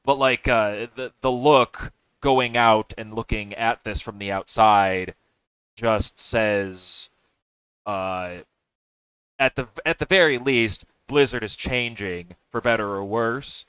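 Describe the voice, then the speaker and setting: A man chatting casually on a podcast, talking haltingly with many restarts and fillers. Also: on the low side, fairly even intonation, a bit bright, smooth, no echo. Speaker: podcast host.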